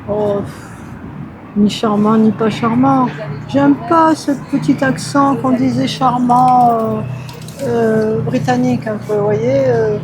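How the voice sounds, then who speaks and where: Woman passerby, opinionated, fairly high voice, traffic noise. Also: steady tone, slow pace.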